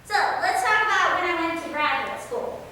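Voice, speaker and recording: A woman's voice: very high-pitched, lively intonation, normal speed, bright, forceful tone. A woman biologist giving an informal slide lecture in a casual, conversational way. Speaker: biologist giving an outreach talk. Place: large echoey room, speaking through a mask. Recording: very echoey hall, distant mic, faint noise.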